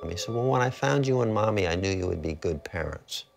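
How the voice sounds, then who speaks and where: A man's voice: low voice, expressive, quick pace, vocal fry. A man being interviewed as a father, recounting a conversation with his son in a plainspoken way. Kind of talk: interview storytelling.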